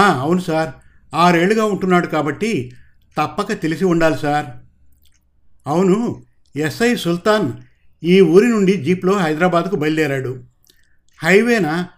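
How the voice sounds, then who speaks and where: A man reading a police crime novel aloud, giving each character's lines small shifts in delivery. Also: a little high. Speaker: narrator. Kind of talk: audiobook narration of a crime novel.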